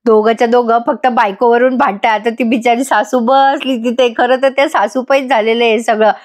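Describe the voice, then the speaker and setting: A woman's voice: fairly high pitch, steady tone, a little fast. A woman giving a chatty voice-over recap of a TV serial episode and speaking directly to her viewers. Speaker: TV serial reviewer.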